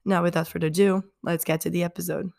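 A woman hosting a podcast, chatting in a relaxed way and asking her guest friendly, open questions. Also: fairly low pitch, fast, vocal fry. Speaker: podcast host. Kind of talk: casual podcast interview.

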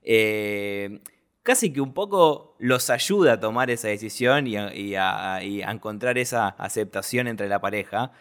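A man's voice: on the low side, unhurried, a bit bright. A man with an Argentine accent chatting casually about a film, hesitant and colloquial, with many fillers. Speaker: podcast film critic.

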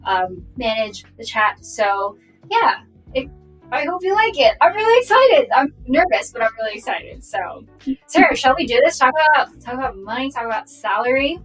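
A young adult woman hosting a casual live-streamed interview, chatty with many fillers, heard through low-quality stream audio. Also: very animated, moderate pace, a bit bright. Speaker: host. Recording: distant low-quality stream mic, faint music.

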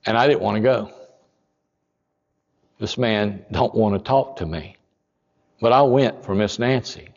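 Folksy pastor, gravelly voice. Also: male voice, fairly low pitch, measured pace, long pauses, long reverb tail, dull audio. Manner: folksy, builds to loud emphatic peaks. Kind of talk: storytelling sermon.

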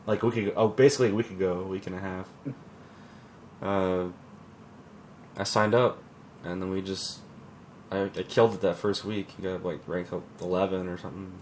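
A man co-hosting a podcast in casual chat, relaxed and rambling with fillers and restarts. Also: deep voice, normal speed, long pauses. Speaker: podcast co-host.

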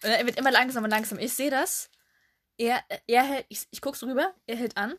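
A young woman co-hosting a casual chat, animated, acting out her younger self and laughing often as she tells a story. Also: fairly high pitch, quick pace. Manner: animated, acts out her younger self with sudden loud cries; laughs often while telling. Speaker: podcast co-host.

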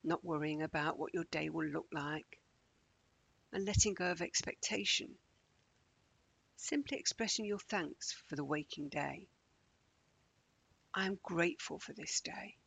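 A man leading a guided morning meditation in a slow, gentle, calming way, often dropping close to a whisper. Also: a little high, creaky, slightly rough, poor audio.

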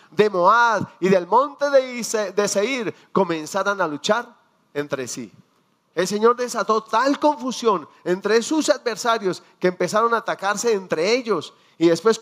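A man preaching a sermon, quizzing his congregation and acting out quiet prayers and dialogue. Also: sits high. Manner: asks the congregation questions and answers them; acts out prayers and dialogue in a hushed voice.

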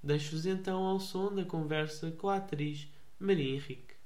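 Male host intro, slightly high voice, roomy echo. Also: moderate pace, darkish tone. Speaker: podcast host. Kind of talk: scripted introduction.

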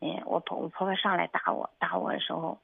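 A woman calling in to a radio advice show, telling her story haltingly with many restarts. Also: on the low side, level tone, vocal fry, breathy edge, no room sound. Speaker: caller. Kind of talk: radio call-in, telling a personal problem. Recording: phone-line call on radio.

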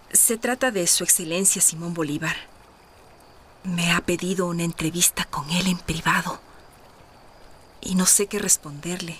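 A woman's voice: lowish voice, fairly bright tone, slight background noise. A woman playing a refined, romantic lady in a historical audio drama, speaking formally and earnestly as if confiding. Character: refined, candid married lady, romantic and independence-minded.

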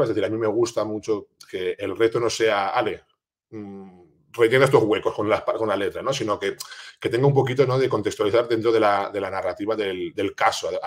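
A man's voice: on the low side, brisk. A man, a teacher explaining a classroom project in an informal way, with many fillers and restarts. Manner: restarts and repeats words while thinking aloud.

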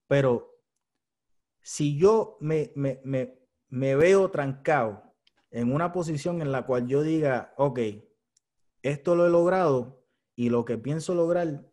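A man's voice: medium pitch, a little mellow. A man hosting a podcast, talking frankly and casually, swearing often and thinking aloud. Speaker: podcast host. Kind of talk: casual chat.

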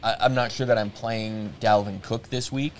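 A man's voice: fairly low pitch, fairly even intonation, moderate pace. Male podcast host, loose and rambling, swears a lot, faint music behind. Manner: rambling and profane, with many fillers and restarts. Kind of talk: casual podcast chat.

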